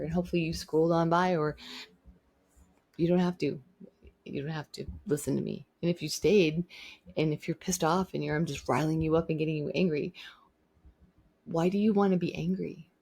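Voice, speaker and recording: A woman's voice: low-pitched, creaky, dark tone, slightly rough. A woman vlogger giving an opinionated monologue, emphatic and repeating her points for stress. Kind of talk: opinionated talking-to-camera monologue.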